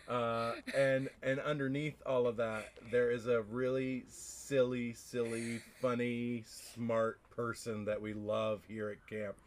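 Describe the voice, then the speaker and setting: A man's voice: mid-range voice, little pitch movement, slow pace, hardly any pauses, a little hiss or hum. A man hosting a casual camp podcast interview, friendly and affirming, with many fillers. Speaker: podcast host.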